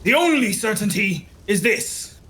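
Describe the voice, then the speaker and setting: A man's voice: high-pitched, very animated, bright, forceful tone, heavily acted. A man voicing a weary nobleman who gives a formal, grim status report in a tabletop game. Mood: grave. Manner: measured, formal.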